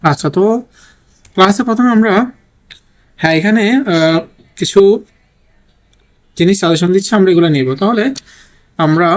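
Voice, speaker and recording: A man teaching a programming lesson while typing code, thinking aloud and often checking in with "okay?". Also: high-pitched. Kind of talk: screen-recorded coding tutorial.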